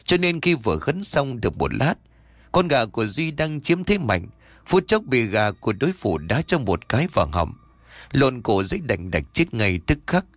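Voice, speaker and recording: Animated male horror storyteller. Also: medium pitch, moderate pace, no room sound. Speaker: narrator.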